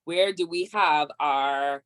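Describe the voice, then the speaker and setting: Bahamian lady hosting a zoom event, lowish voice, upbeat and chatty. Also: takes it slowly, a bit bright. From Grand Bahama, the Bahamas. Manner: upbeat, chatty, calls out names. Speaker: host, council chairman. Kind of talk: lively online event hosting. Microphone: video call.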